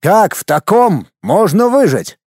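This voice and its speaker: A man's voice: a little high, very animated, normal speed, mellow, no echo, studio quality, voice pushed up. A man voicing an irritable middle-aged male soldier officer who talks brusquely and exclaims a lot. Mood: irritated.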